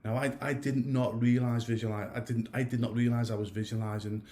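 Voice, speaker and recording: Here a man aged thirty or more addresses goalkeepers informally, brisk and warm-toned, his medium-pitched voice staying level. He has a stuffy nose from a cold and tends to ramble, restart, and slip into tangents.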